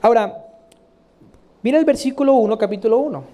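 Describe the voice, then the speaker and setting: Mellow-voiced preacher asking the congregation questions. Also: male voice, fairly quick, highs cut off. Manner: lively pitch swings, repeating phrases for emphasis. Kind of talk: sermon.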